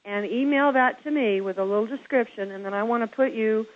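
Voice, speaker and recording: Middle-aged woman host, gushing and chatty, from Kansas, higher voice, heard over a tinny phone line. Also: fairly quick. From Kansas, USA. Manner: effusive, gushing praise, calls the guest girl. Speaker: host of a home-staging show. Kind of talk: casual interview on a phone line.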